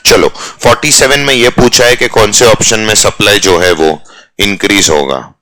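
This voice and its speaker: Male commerce teacher, low pitch with a forceful edge, jokey classroom banter, switches to English catchphrases. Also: normal speed, no echo. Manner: teasing, jokey, mixes English phrases into Hindi. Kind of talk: live classroom lecture.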